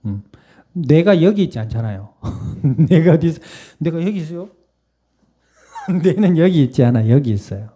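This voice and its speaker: A male pastor gives a Sunday sermon in a church. His voice is very dark and mellow and sits a little high. He talks to the congregation like a conversation and keeps asking them questions. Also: expressive, moderate pace, husky. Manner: conversational preaching with laughs and rhetorical questions. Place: church sanctuary.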